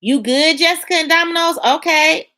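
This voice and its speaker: A woman's voice: extremely high pitch, normal speed, bright, forceful tone. A woman hosting a casual livestream, chatting with viewers by name and reading their comments aloud in a loose, colloquial way. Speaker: livestream host reading chat. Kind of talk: casual live-stream chat.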